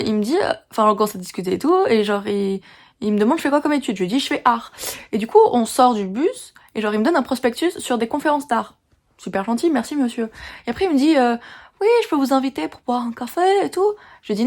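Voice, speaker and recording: A teenage girl from France telling a story in a chatty, animated vlog, venting about her day. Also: on the high side. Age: teens. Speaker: vlogger.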